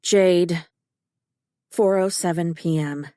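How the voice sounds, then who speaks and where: A woman's voice: on the low side, steady tone, slow pace, warm tone, no room sound. A woman narrating a first-person thriller audiobook in a tense, urgent and emotional way.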